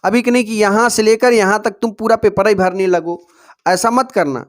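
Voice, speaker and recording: A man's voice: high voice, fairly even intonation. A man teaching students how to write board exam answers, calling them dear children and often telling them to pay attention. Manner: recites verse slowly and deliberately. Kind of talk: exam-prep lesson for students.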